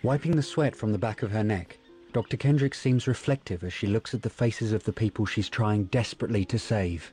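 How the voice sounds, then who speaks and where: A man delivers scripted audio description of a film. His voice is low and relaxed, with a measured, descriptive delivery. Soft music plays faintly behind him.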